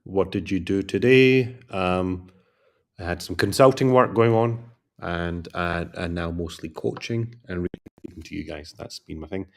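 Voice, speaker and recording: Tired low-voiced man chatting on a livestream. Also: a little slow, gravelly. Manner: relaxed, rambling, repeats calls to like and subscribe. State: tired, yawning. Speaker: career coach livestreaming. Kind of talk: casual livestream chat.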